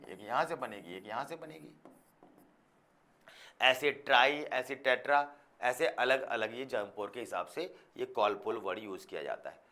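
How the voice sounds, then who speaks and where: A man's voice: medium pitch, sharp tone. A man teaching a biology lecture, who keeps checking that his students follow and mixes English scientific terms into his explanations. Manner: calls students "beta", keeps checking they understand. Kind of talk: classroom lecture.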